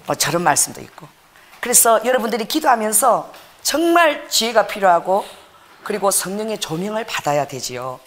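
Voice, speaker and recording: A middle-aged woman pastor preaching a sermon, telling stories with lively acted-out dialogue in a church. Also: mid-range voice. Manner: animated storytelling, acts out dialogue. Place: church sanctuary.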